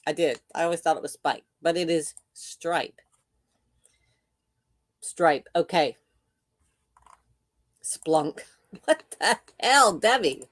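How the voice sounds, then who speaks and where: A woman's voice: on the low side, dry recording. An older woman hosting a casual livestream, chatting with viewers and reading their comments aloud with frequent laughs. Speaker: livestream host.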